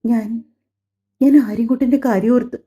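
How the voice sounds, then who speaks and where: Gentle timid young wife read by a woman, soft, deferential, mellow higher voice. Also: steady tone, moderate pace, breathy edge. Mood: hesitant. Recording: slightly dull lo-fi audio.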